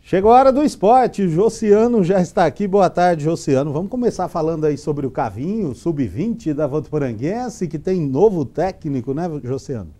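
A man's voice: a little high, lively intonation, moderate pace, few pauses, dark tone. A man in his forties anchoring the news in a TV studio, giving upbeat scripted handoffs into a lapel mic.

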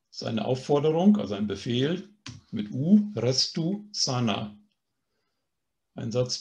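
This language teacher has a mid-range, darkish voice and patiently explains grammar during an online lesson. He often pauses to check in with a questioning "ne?"

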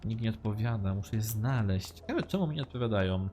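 A man's voice: fairly low pitch, lively intonation, fast. Chatty man giving playful game commentary. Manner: chatty, joking, reads game lines aloud. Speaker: let's-play gamer. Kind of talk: casual gameplay commentary.

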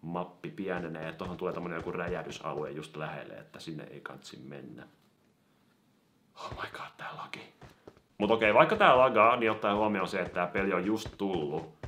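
A man doing casual gameplay commentary on a mobile game, excitable and given to sudden yelps when startled. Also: low voice, a little hiss or hum. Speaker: gaming YouTuber.

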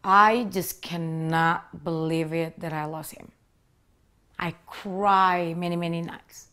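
Her fairly low voice has a fairly bright tone and fairly even intonation, and she speaks slowly. She is a woman in her thirties from Indonesia with an Indonesian accent, earnestly telling her own story to camera with minor grammar errors. She is seated indoors in a living room with a leather sofa, on a lapel mic.

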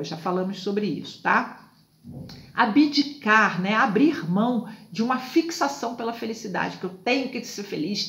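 A woman's voice: on the high side, roomy sound. A woman hosting a casual self-help talk, chatty and loose, often ending her lines with little tag questions. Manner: chatty, fills lines with tags like "tá?" and "né?". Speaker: self-help video host. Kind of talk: casual talk on a book chapter.

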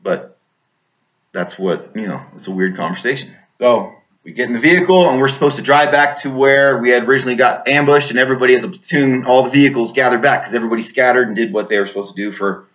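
A military veteran telling a personal story in a plain-spoken, halting way, often restarting his sentences. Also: mid-range voice, fairly bright tone, highs cut off.

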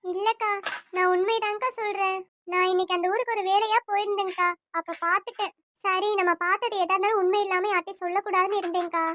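A woman's voice: very high voice, steady tone, fast talker, a bit bright, no echo, studio quality. A woman voicing a fretful, pleading village auntie. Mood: earnest. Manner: pleading, apologetic, repeats 'akka'. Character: worried village woman, family friend. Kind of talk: cartoon voice acting.

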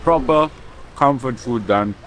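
A man's voice: medium pitch, a little slow, a bit bright. A man, giving a casual food review in short, savouring phrases. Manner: savouring, short appreciative phrases while eating. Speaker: food vlog host. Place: outdoors in a parking lot. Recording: outdoor car park with chatter and traffic.

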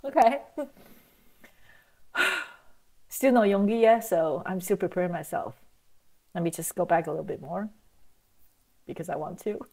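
A woman's voice: on the low side, normal speed, gravelly, long pauses, darkish tone. A middle-aged woman giving a casual, effusive reaction to a music video, often breaking into gasps and laughter. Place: small room at home, indoors.

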